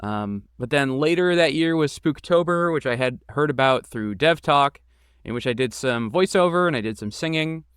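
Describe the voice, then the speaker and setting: A game creator and voice actor, appearing as a podcast guest, answers interview questions in a casual, informal way that's enthusiastic and self-deprecating. His voice is a little high and animated, moving at a moderate pace with a slightly bright, clean tone. The studio-quality recording has no echo.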